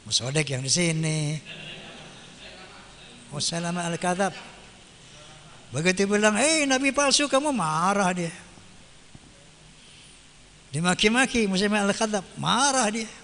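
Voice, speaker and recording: A man preaches in a relaxed, colloquial manner and keeps turning to his listeners with questions. His voice sits high. A long reverb trails his words, as in a large hall. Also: a little slow, pauses often. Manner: asks the audience rhetorical questions; casual, colloquial delivery. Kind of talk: sermon.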